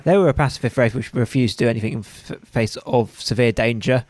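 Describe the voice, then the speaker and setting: A man hosting a podcast, talking about an old episode in a dry, wry way with some halting restarts. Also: mid-range voice, a little mellow, dry recording. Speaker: podcast host. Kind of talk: casual review chat.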